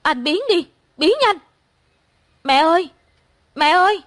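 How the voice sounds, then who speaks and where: A woman voicing a distraught young woman who shouts and cries, hiding her scarred face. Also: moderate pace. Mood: frantic, shouting. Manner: shrill and shouting. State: crying.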